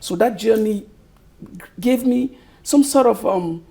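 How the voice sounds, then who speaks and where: A middle-aged Cameroonian author, speaking with his country's accent, takes interview questions slowly and with care, regularly searching for words. He has a high voice that is gravelly, mellow, and husky.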